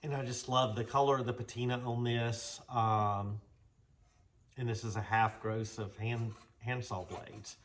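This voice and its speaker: A vintage garage restorer hosts a casual show-and-tell vlog, rambling in a folksy, enthusiastic way. His voice is medium-pitched and fairly bright, with a level tone and a measured pace.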